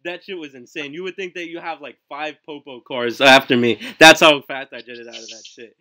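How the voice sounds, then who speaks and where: A teenage boy hosts a live stream podcast and tells a story in loose, excitable chat. He swears often and keeps tagging his lines with "right?". His voice sits on the high side and sounds bright and forceful, picked up by a home stream mic with glitchy audio. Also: fairly quick. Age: teens. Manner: profane, excitable, with constant fillers and "right?" tags. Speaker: livestream podcast host.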